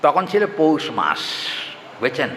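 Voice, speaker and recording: A man giving a devotional scripture talk, chanting Sanskrit verses slowly and often asking his listeners questions. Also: fairly high pitch, huge pitch swings. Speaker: religious reader and preacher. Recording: hall reverb, faint ambient noise.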